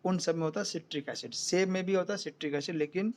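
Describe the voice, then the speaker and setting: A man's voice: high-pitched, fast, darkish tone. A man with an Indian accent teaching an online science class in Hindi, explaining step by step and often checking whether students follow.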